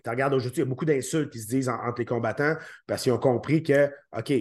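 A man with a Québécois French accent speaks as a guest on a podcast. He talks haltingly and often restarts his words as he recounts things. His voice sits in a middle pitch for a man. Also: a little mellow. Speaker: guest, former fighter. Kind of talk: podcast interview.

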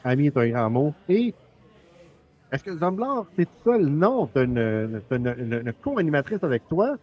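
A man with a Québécois accent hosting a podcast in a lively, teasing way. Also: fairly high pitch, normal speed, lo-fi sound. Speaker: podcast host. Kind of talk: casual podcast chat.

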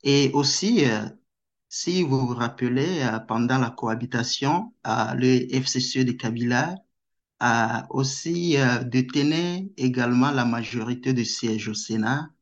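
A man who is a guest researcher answers interview questions slowly and hesitantly, with many pauses and fillers. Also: mid-range voice. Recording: dull lo-fi sound.

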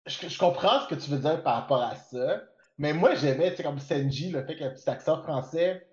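A man's voice: a little high, lively intonation, a little fast, darkish tone, muffled recording. Man chatting on a roomy podcast. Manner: chatty, mixes English into French, many fillers. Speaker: podcast co-host. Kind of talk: casual chat.

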